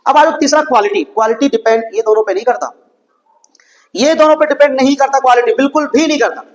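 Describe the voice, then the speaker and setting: A man's voice: extremely high pitch, fast talker, poor audio. A man teaching a school science lesson, asking questions and answering them himself, with English textbook phrases mixed into his explanations.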